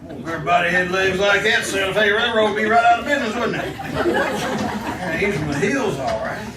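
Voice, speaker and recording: An actor playing a crusty, sardonic frontier doctor with an American accent in an old-time radio western. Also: male voice, high voice, fairly quick, over a noisy crowd, natural voice. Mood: amused. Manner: sardonic, needling. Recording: echoey, distant, noisy old radio recording.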